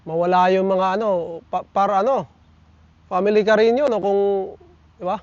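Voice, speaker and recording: A chatty man with a fairly high voice reads viewer comments aloud and talks them over in a casual vlog. He keeps tossing little tag questions at his audience. The sound is dry and a bit dull, like a lo-fi outdoor recording. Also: fairly even intonation, normal speed, a little mellow, dry recording. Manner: chatty, peppers lines with tag questions, addresses viewers as buddies. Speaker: vlogger reading viewer comments. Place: outdoors in nature.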